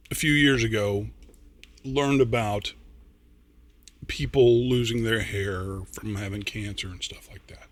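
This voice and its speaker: An older man hosting a reaction video, talking casually in a rambling, halting way with some swearing, a little tipsy and slurring. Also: mid-range voice, fairly bright tone, breathy edge.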